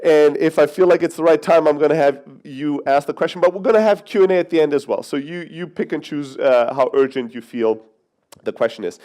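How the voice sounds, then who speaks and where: Speaking in a conference hall, this thirtysomething keynote speaker, Greek by origin and raised in Germany, is brash and jokes with the crowd, dropping the occasional swear. His voice is on the high side, brisk and dark-toned.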